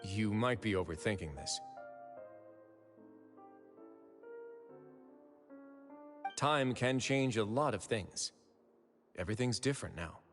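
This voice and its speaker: A man's voice: fairly low pitch, lively intonation, normal speed, natural voice. A man voicing a shrewd, self-assured prison overseer in a video game, conversational, persuasive and casually authoritative. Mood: reassuring. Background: music.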